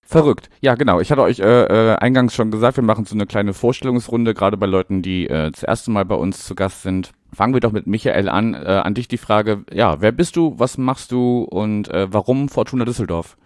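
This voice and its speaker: A man's voice: on the low side, fairly quick, dry recording, studio quality. A man hosting a football podcast, chatty and casual with many filler sounds. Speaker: podcast host.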